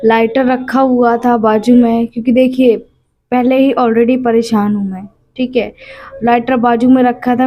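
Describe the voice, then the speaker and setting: A woman's voice: a little high, no room sound, highs cut off. A woman in her late twenties, chatting casually in a home vlog and telling her story at length with small repeats. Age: 20s. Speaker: vlogger and mother.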